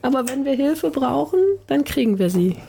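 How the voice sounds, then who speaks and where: A woman's voice: high voice, expressive, moderate pace, vocal fry, dark tone, slight background noise. A woman hosting a community radio show, chatting cheerfully and laughing often as she wraps up. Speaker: radio host.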